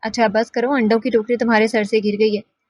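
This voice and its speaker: A woman voicing a patient young male doctor with soft, coaxing speech. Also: a little high, flat delivery, a little hiss or hum, lightly acted. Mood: kind.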